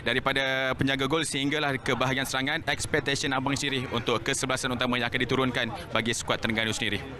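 Young guy reporter on a handheld mic outside, talks fast with lots of uh pauses, loud crowd all around. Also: medium pitch, level tone. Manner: hesitant, many filler pauses, polite. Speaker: field reporter. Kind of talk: live outdoor news report with interviews. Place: outdoors at a stadium forecourt among a dense crowd of fans. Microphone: handheld microphone.

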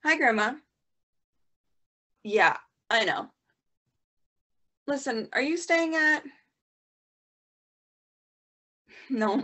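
A woman's voice: a little high, a bit bright. A young woman playing a rambling theatre-kid girl. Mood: exasperated. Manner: rambling, self-correcting, talks to herself. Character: chatty teenage girl, theatre student. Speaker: lead actor in a monologue. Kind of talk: stage monologue over video call. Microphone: video call.

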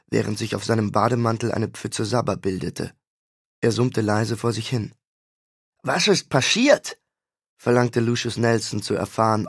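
A man reads a fantasy story in the first person with steady, even storytelling. His voice is gravelly with a husky edge, at a middle pitch. The recording is dry and close. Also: no room sound. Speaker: audiobook narrator. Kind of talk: first-person audiobook narration.

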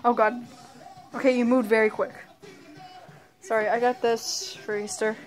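A woman's voice: on the high side, flat delivery, a little slow, faint music behind. A woman vlogging casually at home, playfully talking to her dog and laughing often.

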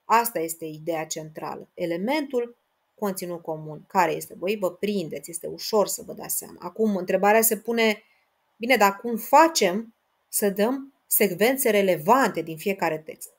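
A woman teaching a Romanian language lesson for exam preparation, patient and direct with her students, reading lines of verse slowly, syllable by syllable. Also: mid-range voice. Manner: patient, addresses listeners directly with checks like "da?".

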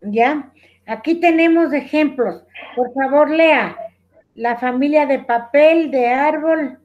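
A woman's voice: high voice, slow, muffled recording. A woman teacher with an Ecuadorian accent, patiently giving a lesson over a video call and calling on students by name. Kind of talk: online class instruction.

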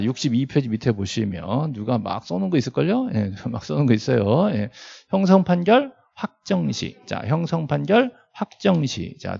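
A middle-aged man, a law lecturer at an exam prep academy for real estate agents, teaches a class in a fairly high, darkish voice with vocal fry. He poses rhetorical questions, repeats key terms, and tosses joking asides to his students. The lecture recording sounds dull and lo-fi.

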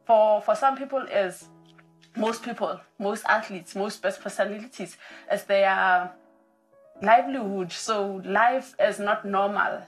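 A woman's voice: medium pitch, a little slow, a bit bright, soft background music, low-quality recording. Earnest South African woman runner. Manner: earnest, reflective, with fillers and restarts. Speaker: athlete, marathon runner. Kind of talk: video interview answers. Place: studio with patterned backdrop.

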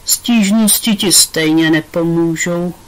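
A woman's voice: fairly low pitch, natural voice, rough recording. A woman reading aloud, voicing the smallest boy in a class, grumbling and complaining in a storybook.

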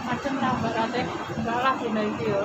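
High-voiced woman talking through a face mask. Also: fairly even intonation, fairly quick. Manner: chatty, talking while walking along a street. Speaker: vlogger host. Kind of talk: casual vlog chat while walking. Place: outdoors on a busy street. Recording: loud street crowd and traffic noise.

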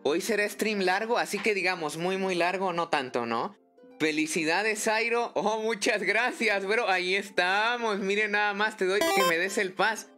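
A man streaming a game live, chatty and excitable, thinking aloud and greeting viewers in the chat by name. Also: high voice, normal speed, soft background music. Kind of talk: casual live-stream chat while gaming.

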